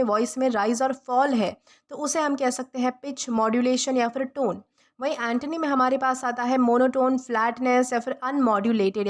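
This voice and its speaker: Woman teacher, high voice, patient step-by-step vocabulary lesson. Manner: repeats and rephrases each meaning patiently. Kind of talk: vocabulary lesson explained in Hindi.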